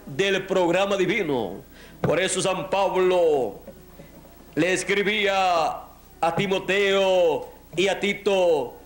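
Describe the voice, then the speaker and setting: Slow, high-voiced preacher in an echoey hall. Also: male voice. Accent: Latin American Spanish. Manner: slow, emphatic phrasing in short measured clauses. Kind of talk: sermon.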